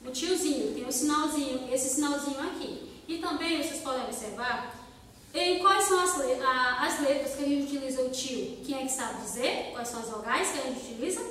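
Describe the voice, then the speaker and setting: A Brazilian woman teacher with a high voice speaks from a distance in a strongly echoing, hall-like room. She asks her young pupils rhetorical questions and stretches words out slowly to sound out each syllable. A faint background hum sits under her voice. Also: fairly bright tone. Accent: Brazilian Portuguese. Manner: slow, sing-song word-by-word syllable demonstrations. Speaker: primary school teacher. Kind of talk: recorded remote class lesson.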